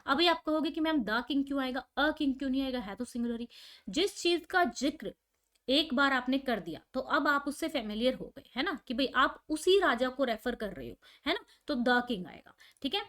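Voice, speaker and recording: High-voiced woman teaching a class. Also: animated, moderate pace, a bit bright. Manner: explains step by step, asks and answers own questions. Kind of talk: online class lesson.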